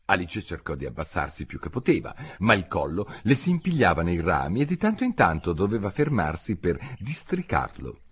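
Brief: playful male audiobook narrator, husky, widely varied delivery. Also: sits low, brisk, hardly any pauses. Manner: expressive, playful storytelling. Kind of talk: theatrical storybook narration.

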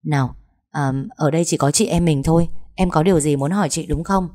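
Woman voicing a calm, gentle young woman. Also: low voice, fairly quick, no room sound, studio quality. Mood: friendly. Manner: soft, calm, restrained.

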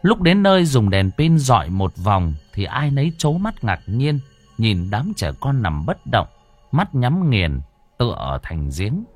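A man's voice: medium pitch, big pitch swings, measured pace, soft background music. A man narrating a ghost story with a dramatic delivery.

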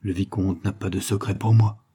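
A man's voice: low-pitched, fairly even intonation, moderate pace, dark tone, husky. A man voicing a cunning young man who poses as a servant and speaks in a sly, insinuating way, in an audiobook. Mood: knowing.

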